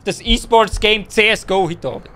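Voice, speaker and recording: A man with a Swiss German accent streaming a shooter game, joking, boasting and breaking into loud outbursts. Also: high voice, moderate pace. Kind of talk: casual gaming chat.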